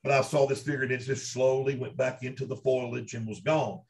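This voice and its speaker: Steady in tone yet fairly quick, this man's medium-pitched voice is creaky and a little mellow. A Bigfoot researcher with a Kentucky accent, he's an interview guest recounting first-hand stories emphatically and repeating things to stress them.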